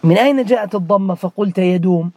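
A man's voice: high-pitched, fast, darkish tone, no room sound. A man teaching morphology, questioning students by name and repeating key words as a drill. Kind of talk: interactive grammar lesson.

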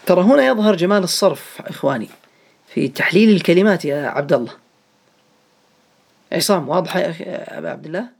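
A man's voice: a little high, lively intonation, fast talker, creaky, long pauses, breathy edge. A man teaching a grammar lesson to a class, patiently repeating each step and calling on students by name.

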